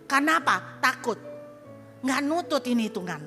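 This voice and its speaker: A middle-aged woman pastor, preaching and acting out personality types with lively voices. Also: sits high. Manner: animated, acts out temperaments with quick voices and laughs. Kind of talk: sermon. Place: large church hall. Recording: echoey church hall with soft music.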